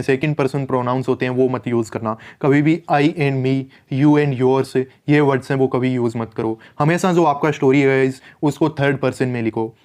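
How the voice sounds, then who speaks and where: A man coaching exam candidates, talking in a relaxed, conversational way. He drops English terms into his explanations and slows down to read out the rules. His pitch sits in a middle range. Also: smooth. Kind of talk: instructional explainer.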